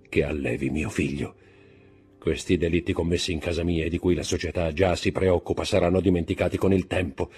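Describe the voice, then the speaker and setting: A haunted royal prosecutor, voiced by a man reading aloud, driven to frantic outbursts. His voice is deep and husky. Faint music runs underneath. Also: full character voice. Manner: shouting, desperate outbursts.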